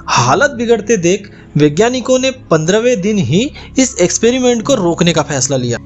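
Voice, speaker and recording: A man hosting an explainer channel, narrating a scripted story and often addressing viewers as friends. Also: sits high. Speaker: YouTube channel host.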